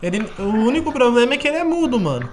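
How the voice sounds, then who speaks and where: Easygoing young Brazilian prankster on headset. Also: male voice, very high-pitched, very animated, rapid-fire. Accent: Brazilian Portuguese. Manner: easygoing, persuasive, slangy. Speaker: gaming youtuber. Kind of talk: casual prank chat on game voice.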